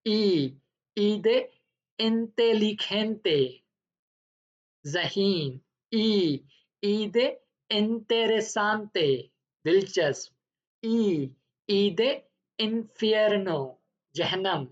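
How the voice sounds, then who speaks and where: A woman gives an alphabet lesson at an unhurried, careful pace. She spells out each word letter by letter and repeats it before translating. The recording sounds dull and lo-fi. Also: medium pitch. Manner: slow and deliberate, repeating each word then giving its meaning. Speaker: Spanish teacher.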